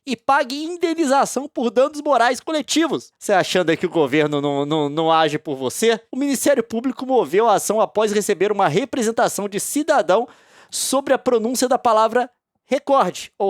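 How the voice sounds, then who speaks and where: A woman with a Brazilian accent hosting a casual commentary, reading a news story aloud and mocking it with heavy, repeated emphasis and sudden loud outbursts. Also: fairly high pitch, expressive, a little fast, no echo, clean studio sound. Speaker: host.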